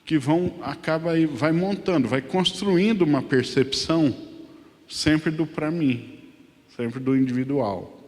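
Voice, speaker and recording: Pastor teaching in a reverberant church hall. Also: male voice, medium pitch, darkish tone. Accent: Brazilian Portuguese. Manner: conversational, asks the class questions, many tag questions; sings lyric lines slowly. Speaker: pastor teaching Sunday school. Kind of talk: Bible class lesson.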